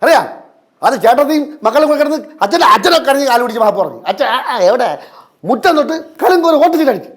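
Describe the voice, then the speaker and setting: Racing along with an extremely high pitch and big pitch swings, a male actor portrays a stubborn, blustering middle-aged family father on a TV sitcom. He sounds teasing and blustering, and faint music plays in the background.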